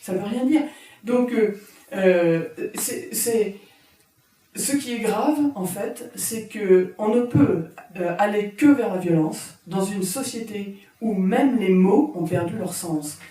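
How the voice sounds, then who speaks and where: A woman speaks to an audience as an author presenting her book, her voice mellow and dark in tone. She talks in a halting way, starting over and repeating words. She stands well back from the microphone in a big, heavily echoing room. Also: mid-range voice. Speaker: author giving a talk. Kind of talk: conference talk. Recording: very echoey room from far off.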